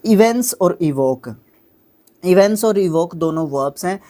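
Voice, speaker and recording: Warm, animated, and high-pitched, this man teaches English vocabulary at a measured pace. He's patient, keeps checking in with tag questions at every step, and breaks difficult words into syllables.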